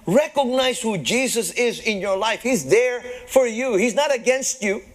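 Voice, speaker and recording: High-voiced pastor chuckling through his sermon. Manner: chuckles often between phrases; calls out to the congregation. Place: church service before a live congregation.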